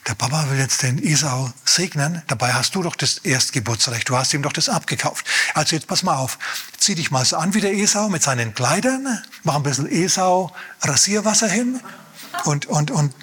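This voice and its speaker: A man voicing a scheming mother who quietly coaxes her favorite son into a trick, told within a sermon. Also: fairly high pitch, lively intonation, moderate pace, slightly rough. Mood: conspiratorial.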